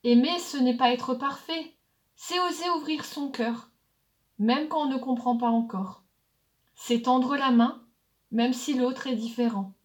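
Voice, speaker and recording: A kind little creature from another planet, a soft-hearted storybook friend, as a woman reads him aloud. He speaks gently and reassuringly, in a high, slow, unhurried voice. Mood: gentle.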